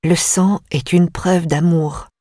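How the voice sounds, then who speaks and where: Woman doing disturbed young woman, eerily calm, low murmuring voice, slow, dry close sound, audiobook. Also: no echo. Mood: eerie calm.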